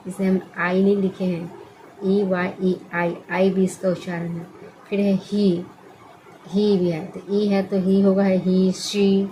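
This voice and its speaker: A woman's voice: fairly low pitch, mellow, slight background noise, rough recording. A woman teaching English letter sounds in a classroom style, asking questions and answering them herself. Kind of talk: classroom-style pronunciation lesson.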